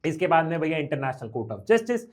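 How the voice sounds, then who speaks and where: Lively high-voiced man teaching. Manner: lively, repetitive, asks the class "clear?"; reads English lines slowly, then explains quickly. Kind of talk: exam revision lecture.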